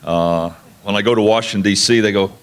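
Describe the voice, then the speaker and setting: A man's voice: fairly low pitch, steady tone, a little fast. A man speaks as a presenter at a conference. He explains things in an informal, folksy way. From New Mexico, United States. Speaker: conference speaker, national laboratory researcher.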